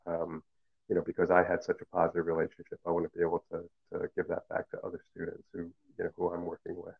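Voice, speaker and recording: With a monotone, low, gravelly voice, a middle-aged Cantonese-speaking professor gives slow, considered interview answers peppered with fillers and restarts. The recording has a narrow, tinny, phone-line quality.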